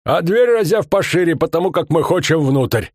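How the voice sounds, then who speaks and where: Man putting on a swaggering bounty hunter, rough folksy talk, high strained shouting, dry close sound. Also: lively intonation, moderate pace, dry recording. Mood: blustering. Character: boastful, blustering male bounty hunter, rough folksy speech.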